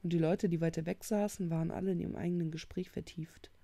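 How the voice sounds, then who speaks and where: A woman reading a novel aloud at home into a new microphone with steady, measured narration. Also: fairly low pitch, no echo. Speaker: audiobook reader.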